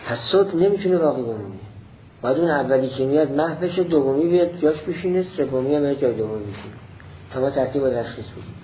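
Slow, deliberate male lecturer, lo-fi. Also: medium pitch, lively intonation, a little hiss or hum. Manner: slow and deliberate, repeating points step by step. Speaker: teacher of philosophy. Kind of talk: slow explanatory lecture on a classical text.

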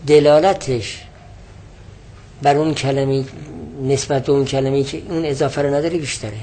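A man's voice: medium pitch, flat delivery, warm tone. A man lecturing on a religious text, patiently explaining word meanings and repeating key definitions. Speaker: teacher of religious texts.

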